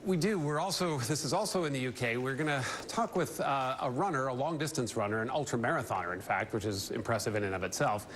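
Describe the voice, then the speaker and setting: A male network correspondent previews his upcoming stories with brisk enthusiasm. He talks quickly at a mid-range pitch, with faint background sound audible behind him. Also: expressive, a bit bright, slight background noise. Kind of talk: remote interview segment.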